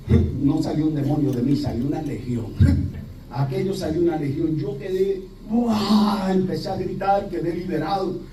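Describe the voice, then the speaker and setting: A priest with a Puerto Rican accent giving a lively sermon, telling stories and imitating voices. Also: male voice, fairly high pitch. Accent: Puerto Rican Spanish. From Puerto Rico. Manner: lively storytelling preacher, mimics voices, laughs. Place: church hall. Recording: roomy, distant church recording with faint hiss.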